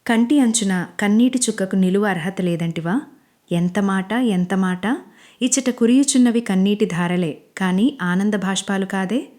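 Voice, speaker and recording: Brief: woman reading a teasing young man in pompous royal style, slow theatrical recital, mellow tone. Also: mid-range voice, natural voice. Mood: mock-grand. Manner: slow, grandly theatrical delivery.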